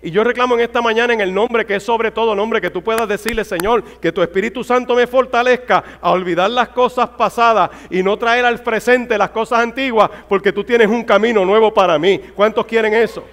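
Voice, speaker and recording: A man preaching a Sunday sermon, his voice pitched high for a man. He builds fervently toward exclamations. A long hall reverb trails behind every phrase. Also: fairly even intonation, fairly quick, hardly any pauses, fairly bright tone. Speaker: pastor.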